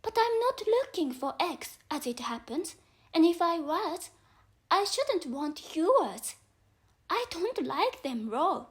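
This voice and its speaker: An earnest little storybook girl, voiced by a woman, speaks high and unhurriedly. She is polite and truthful, puzzled and a touch hesitant. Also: sing-song, takes it slowly, heavily acted. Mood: earnest protest. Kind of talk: storybook character voice.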